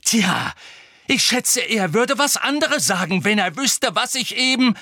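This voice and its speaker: A man reading an audiobook and voicing an angry, desperate teenage boy wizard who shouts. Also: high-pitched, lively intonation, measured pace, no echo, clean studio sound, pitched above the performer's own voice, heavily acted. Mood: angry shouting. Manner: shouting, urgent. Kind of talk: audiobook character voice.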